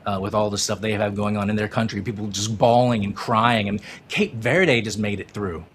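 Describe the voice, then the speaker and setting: A man co-hosts a casual soccer talk podcast, rambling enthusiastically and using lots of fillers. His voice is fairly low with a steady tone at normal speed, and there's slight background noise.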